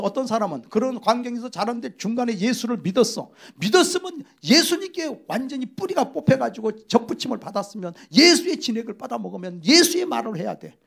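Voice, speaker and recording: A middle-aged Korean male pastor preaching a sermon, emphatic, swinging from loud exclamations to hushed whispers. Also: extremely high pitch, creaky.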